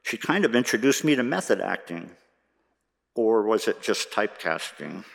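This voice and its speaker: A man in his sixties, a worship associate, giving a gentle, reflective personal talk at a church service, with wry humor. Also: fairly low pitch, sing-song, moderate pace, creaky, long reverb tail.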